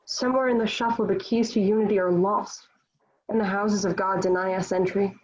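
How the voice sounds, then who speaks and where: A woman's voice: mid-range voice, steady tone, a little fast, darkish tone, natural voice. A woman playing a devout, defiant young Joan of Arc in a dramatic table read, speaking in formal, declamatory period phrasing. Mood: resigned, sorrowful. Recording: dull lo-fi virtual-meeting audio.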